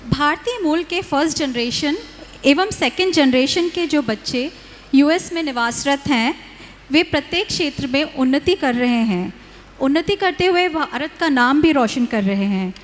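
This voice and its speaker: A high-voiced woman, a questioner at a gathering, poses a formal prepared question with reverent phrasing. Her voice carries long reverb in the hall. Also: expressive, unhurried. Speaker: audience questioner, scientist.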